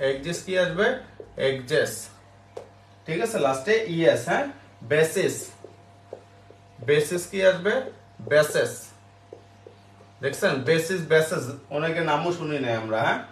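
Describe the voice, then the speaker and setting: A man teaching an online English grammar class, spelling words out slowly and checking with the class after each step. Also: fairly high pitch. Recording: roomy echo.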